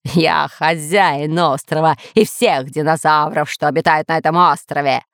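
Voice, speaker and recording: A woman voicing a boastful masked villain who booms out threats and gloats. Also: steady tone, measured pace, fairly bright tone, no room sound, clean studio sound. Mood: menacing. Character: boastful masked villain, self-styled ruler of the island.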